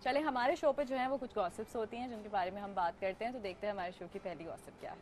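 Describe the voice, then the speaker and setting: A woman from Pakistan hosting a casual talk show, playful and quick to laugh, often switching into English. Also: mid-range voice, steady tone, slight background noise.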